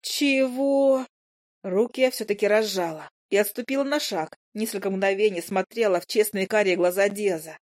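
A woman narrating a first-person audiobook in a lively, expressive way. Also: mid-range voice, brisk, few pauses. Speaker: audiobook reader.

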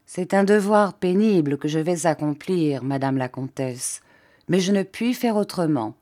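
A woman's voice: on the low side, lively intonation, unhurried, dark tone. A woman voicing a stern, zealous male village priest who scolds and preaches with fire in an audiobook reading. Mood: grave.

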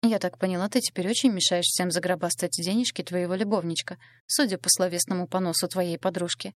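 A woman voicing a brash, sharp-tongued middle-aged mother with a croaky, grumbling voice, for an audiobook. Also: on the low side, steady tone, brisk, no echo, studio quality, close to an everyday voice. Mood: gruff scolding.

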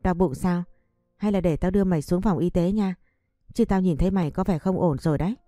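Brief: woman doing protective young girlfriend in an audio story; urgent, pleading, dark and dry. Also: lowish voice, fairly quick, no echo, faint music behind, natural voice. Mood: worried. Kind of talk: audiobook narration.

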